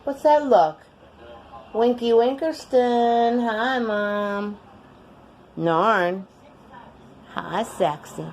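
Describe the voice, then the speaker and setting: Slow cooing woman talking baby talk. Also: on the high side, darkish tone, a little hiss or hum. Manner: cooing baby talk to pets, drawn-out sing-song phrases. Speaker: cat rescuer filming her pets. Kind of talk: casual home video talking to cats. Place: at home indoors.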